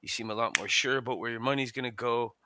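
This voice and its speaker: A man's voice: medium pitch, fairly even intonation, quick pace, pushed and bright, a little hiss or hum. A man co-hosting a casual chat, loose and joking, with some cursing. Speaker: co-host.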